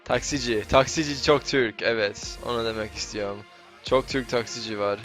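A man chatting casually on a live game stream in halting, broken Turkish with foreign phrasing, slipping into English. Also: mid-range voice, a bit bright, faint music behind. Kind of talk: casual live stream chat during gameplay.

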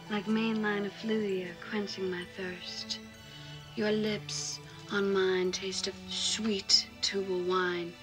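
A woman's voice: mid-range voice, lightly acted, poor audio. Teen big sister played by a young woman, melodramatic, reading her own love poem aloud, film scene with music underneath. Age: young adult. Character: dramatic teenage girl, vain older sister.

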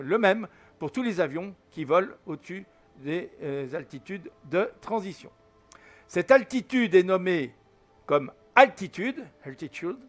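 A man's voice: high-pitched, a bit bright. A man in his seventies giving a casual spoken flight-simulator tutorial, rambling with many fillers and restarts. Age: 70s. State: recovering from fever, slight headache. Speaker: flight sim tutorial host.

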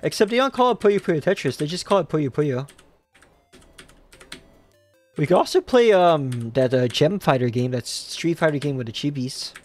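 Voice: medium pitch, expressive, fairly quick, few pauses, soft background music. A livestreamer giving rambling, self-mocking live commentary while playing, swearing and raging at the game.

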